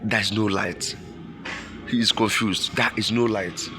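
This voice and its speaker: A man's voice: fairly low pitch, fairly even intonation, unhurried, music in the background. A man with a Nigerian accent giving impassioned political commentary, emphatic, repeating phrases and posing rhetorical questions.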